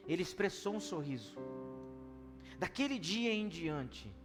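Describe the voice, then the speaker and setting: A high-voiced male pastor delivers a sermon, telling a story in an animated way and swinging between loud and hushed delivery. His voice rings with the long reverb of a church hall. Soft music plays faintly underneath. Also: unhurried.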